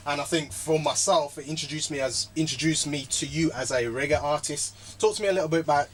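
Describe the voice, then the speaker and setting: Relaxed DJ man. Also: fairly high pitch, brisk. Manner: relaxed, drops "bro" and "innit". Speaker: radio DJ host. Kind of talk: casual radio interview chat. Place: radio studio.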